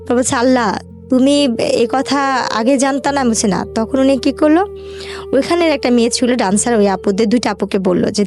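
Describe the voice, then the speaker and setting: A young woman with a Bangladeshi accent and a fairly high, slightly mellow voice shares a personal story as an interview guest. She speaks colloquially in run-on narration, linking events and quoted exchanges. Faint music plays in the background.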